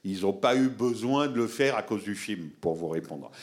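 A man's voice: lowish voice, lively intonation, moderate pace. A man giving a public talk on film, answering audience members in an explanatory, emphatic way and addressing listeners directly.

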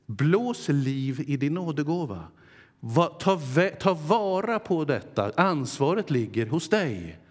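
A man preaching a sermon in earnest, with dramatic pauses, voicing God's words to his listeners. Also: a little high. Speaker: pastor. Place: church hall. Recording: long hall reverb.

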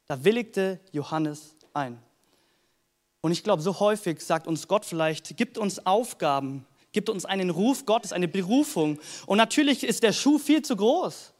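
High-voiced man preaching a casual sermon. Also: lively intonation, moderate pace. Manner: earnest, conversational preaching with Bible readings. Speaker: pastor.

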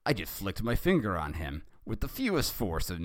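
A man's voice: sits low, huge pitch swings, moderate pace, no room sound, studio quality. A man voicing a cocky, brooding hedgehog rival in a story reading, smug and dismissive.

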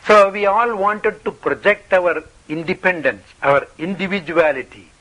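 A spiritual teacher with a high, bright voice gives a talk in English, speaking a little slowly. His phrases are short and playful, often questions, and he pauses after each so an interpreter can translate. The recording quality is low.

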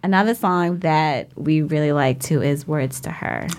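A woman hosting a music podcast, playful and quick to tease her guest. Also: low voice, noisy background. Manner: playful, laughs easily, animated questions. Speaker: podcast host. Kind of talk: casual interview chat.

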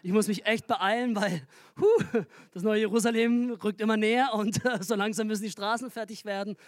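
A man's voice: high-pitched, fairly even intonation, fairly quick, dry recording, natural voice. Brief: man preacher playing a fussing, money-worried God, tongue-in-cheek, dry room. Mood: mock panic. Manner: joking, mock-panicked. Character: God as a fretting heavenly banker, male.

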